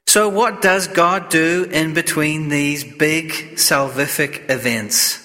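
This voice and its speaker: A man, a priest, reading the gospel and preaching a homily at Mass in a slow, measured way, his voice carrying a cathedral echo. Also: a little high, fairly even intonation, sharp tone, faint music behind. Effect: cathedral-like echo with long reverb. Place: church during Mass. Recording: long church reverb.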